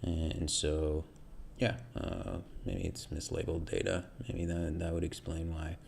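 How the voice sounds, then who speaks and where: A man's voice: low-pitched, level tone, measured pace, gravelly, darkish tone, a little hiss or hum. A man hosting a coding tutorial, hesitantly thinking aloud through source code with many fillers. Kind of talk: screen-recorded coding walkthrough.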